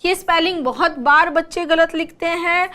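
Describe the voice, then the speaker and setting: A woman's voice: very high voice, fairly even intonation, moderate pace, pushed and bright. A woman teaching an exam-prep English class. She explains patiently, spells words out letter by letter, and keeps checking with rhetorical questions.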